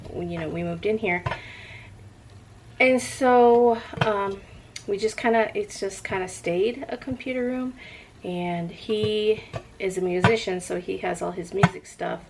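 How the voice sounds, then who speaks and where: A woman's voice: medium pitch, a little hiss or hum, poor audio. A middle-aged woman vlogger chatting casually in a rambling way, drifting off and picking the thread back up.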